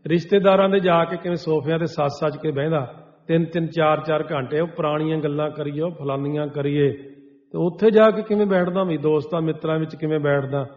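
A man preaching to a congregation, slowly chanting scripture lines and then explaining them in plain talk. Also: on the high side, steady tone. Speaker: Sikh preacher. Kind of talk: scripture exposition sermon. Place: large hall before a congregation. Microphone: stage microphone. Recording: dull sound with long hall reverb.

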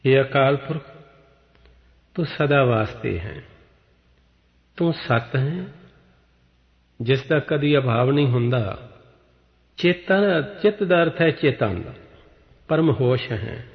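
A male preacher gives a sermon in a slow, unhurried, measured cadence, stretching verses out as he explains them. His voice has a mid pitch, and the recording is dull with a long hall reverb. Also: animated. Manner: slow, measured scripture exposition. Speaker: Sikh preacher.

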